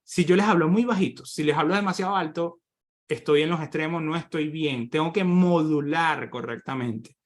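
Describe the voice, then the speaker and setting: A man from Venezuela teaching an online workshop on presentation skills, explaining points and often tagging sentences with quick questions to his audience. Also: a little high. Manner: explanatory, with many rhetorical tag questions. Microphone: computer microphone on a video call.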